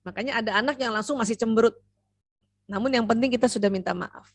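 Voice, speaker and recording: A woman doctor giving a seminar lecture to mothers, lively and talking straight to her audience. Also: on the high side, fast talker, no echo. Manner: lively, acts out parent and child voices; addresses the audience directly with frequent "ya".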